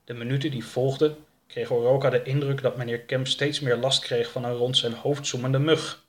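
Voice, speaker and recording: Male storyteller, calm measured reading, middle pitch. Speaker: narrator. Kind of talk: scripted audiobook narration.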